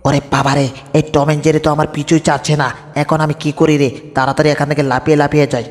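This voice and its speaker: A man's voice: a little high, level tone, very fast, natural voice. A man voicing a gloating, greedy male lion villain in a homemade cartoon dub, cackling and boastful. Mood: panicked. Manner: cackling and boastful, wails when hurt. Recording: long reverb, echoey room.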